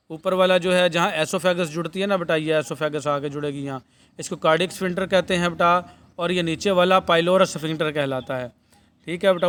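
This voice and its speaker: A male teacher with a smooth, clear voice held in a narrow, steady pitch range, sitting a little above the usual for men. He reads each line of the textbook out slowly, then explains it in a quick, familiar way, calling his students "beta" as he goes. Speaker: nursing course teacher. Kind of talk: bilingual lecture, reading English text and explaining it.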